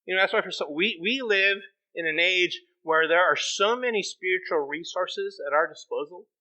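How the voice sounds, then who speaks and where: A middle-aged man preaching a sermon as pastor, animated and acting out quoted voices. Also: sits high, normal speed, rough recording. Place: church sanctuary.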